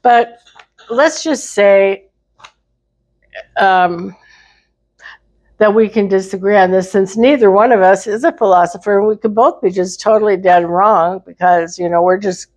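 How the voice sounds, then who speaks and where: An older woman with a medium-pitched voice banters casually with her partner. She speaks hesitantly, working out her thoughts aloud as she goes. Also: a little slow, long pauses, darkish tone. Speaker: co-host in a couple's discussion. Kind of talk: casual elderly couple banter.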